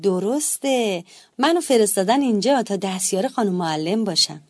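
A woman's voice: mid-range voice, expressive, darkish tone, no room sound, clean studio sound, close to an everyday voice. A woman reading a children's storybook, voicing a cheerful young schoolboy who thinks he's an astronaut, in an eager, earnest tone.

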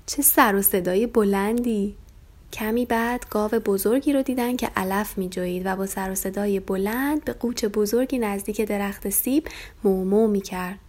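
A woman reading a children's story aloud as the storyteller, in a gentle, even way. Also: medium pitch.

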